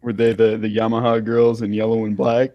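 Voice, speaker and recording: A man's voice: on the low side, monotone, fairly quick, no echo, dull audio. A young man chats in a casual voice call. He jokes at his own expense. His voice sits close and dry on the mic. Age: young adult. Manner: joking, self-mocking. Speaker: college student. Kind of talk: casual group voice chat.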